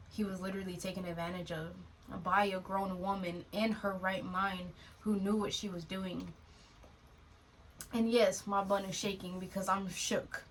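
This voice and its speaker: A woman's voice: lowish voice, a bit bright. A woman in her twenties co-hosting a podcast in casual chat, blunt and slangy. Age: 20s. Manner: blunt, slangy, throws in "dude" and "bro". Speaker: podcast co-host. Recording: distant mic with faint noise.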